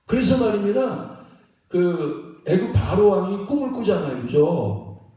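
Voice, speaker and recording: A man's voice: high voice, sing-song, measured pace, dark tone. A man preaching a sermon as pastor, asking the congregation questions and repeating phrases for emphasis. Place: church sanctuary. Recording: echoey sanctuary from far off.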